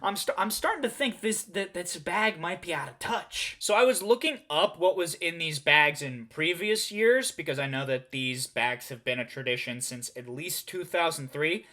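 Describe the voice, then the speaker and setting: A man's voice: on the high side, moderate pace, few pauses, bright, forceful tone. A man hosting a comedy commentary show, talking sarcastically and mocking what he reads, laughing often. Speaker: comedy host.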